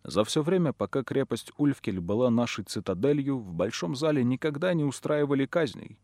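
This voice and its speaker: A man narrating a first-person audiobook, measured and dramatic. His voice sits at a middle pitch. The recording is dry and close, with no room sound. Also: expressive, darkish tone, no echo.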